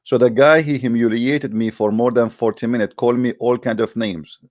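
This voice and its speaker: With medium pitch and fairly even intonation, this man speaks a little fast in a slightly mellow voice, recorded echo-free at studio quality. He is a Middle Eastern native Arabic speaker with an Arabic accent in English, hosting a religious call-in debate through a combative, boastful monologue of short, emphatic phrases.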